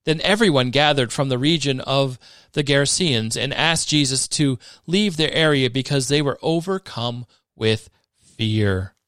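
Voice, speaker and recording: A man giving a measured, expressive scripted reading of scripture for a podcast. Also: medium pitch, no room sound, clean studio sound. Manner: measured, expressive reading that rises for dramatic moments. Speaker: scripture reader.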